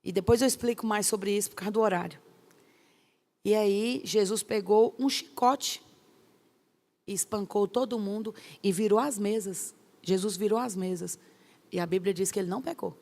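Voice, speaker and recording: A middle-aged woman pastor teaches a course. She speaks emphatically, fires off rhetorical questions and acts out little scenes. Her mid-pitched voice has a gravelly rasp. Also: moderate pace, a little mellow. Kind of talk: lively teaching talk.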